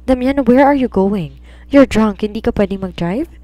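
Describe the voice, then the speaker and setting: A woman's voice: mid-range voice, lively intonation, normal speed, mellow, no room sound, natural voice. Woman playing a lovesick young woman, pleading, emotional, storybook romance. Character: desperate young woman in love.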